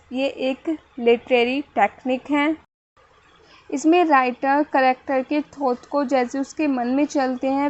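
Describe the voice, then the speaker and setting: A woman teaching a literature lesson, explaining in Hindi and reading English notes slowly, often repeating and correcting herself. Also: sits high, dull audio. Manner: self-correcting, repeats words. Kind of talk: exam-focused lecture.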